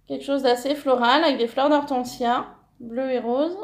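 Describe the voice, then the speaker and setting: Bright, high-pitched woman vlogger, chatty and gushing, self-correcting, relaxed at-home haul. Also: moderate pace, echoey room. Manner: enthusiastic, many fillers, self-correcting. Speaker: scrapbooking vlogger. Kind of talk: casual haul vlog, showing paper.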